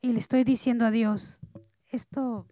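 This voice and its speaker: A woman preaching a sermon, her voice a little high and mellow. She moves between hushed, intimate lines and loud, urgent ones. The sound is close and dry, with no room around her. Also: fairly even intonation, unhurried, no echo. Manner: earnest preaching, swinging between soft and loud. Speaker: pastor.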